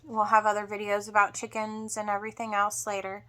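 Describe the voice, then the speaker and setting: A woman giving a casual homestead update to viewers in a halting way, sounding drained and emotional after surgery. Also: mid-range voice, monotone, pushed and bright. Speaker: homestead vlogger.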